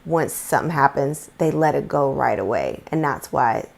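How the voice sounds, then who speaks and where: A woman with a low voice talks openly in a casual conversation. She is reflective and halting, often pausing and restarting her sentences. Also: expressive, creaky. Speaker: guest.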